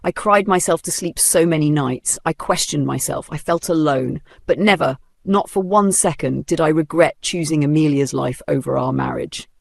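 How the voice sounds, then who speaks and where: A man with a Nigerian accent voicing a calm, forgiving mother who speaks quietly and evenly. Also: on the high side, gravelly, no room sound. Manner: quiet and measured.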